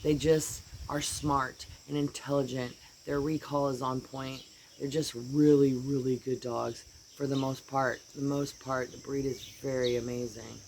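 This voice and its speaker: A woman's voice: very deep voice, unhurried, gravelly. An American woman vlogger chatting casually and rambling about her dogs, sitting outside on a porch. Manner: rambling and animated, voices her dogs' thoughts. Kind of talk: casual chat. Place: outdoors on a porch. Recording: outdoor noise with birds and insects. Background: birds and insects.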